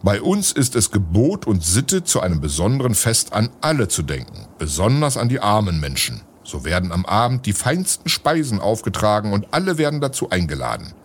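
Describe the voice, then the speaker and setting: A man voicing a stately, ceremonious male gentleman in a storybook, speaking slowly and festively. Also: on the low side, big pitch swings, a little hiss or hum. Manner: slow, festive speech.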